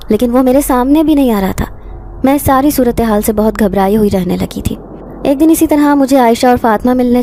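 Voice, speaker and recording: A woman narrating a first-person horror story in a steady, dramatic storytelling manner. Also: fairly high pitch.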